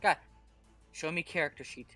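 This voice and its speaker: A man's voice: a little high, moderate pace, pushed and bright, faint music behind. A man playing his character in a tabletop game, chatty and cheerful, a little scattered. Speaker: player.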